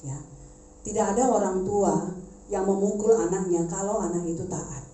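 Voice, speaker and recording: A woman preaching a sermon in a conversational, animated way, turning to the congregation with asides. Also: mid-range voice, normal speed. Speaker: preacher, schoolteacher. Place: church service. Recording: echoey church hall.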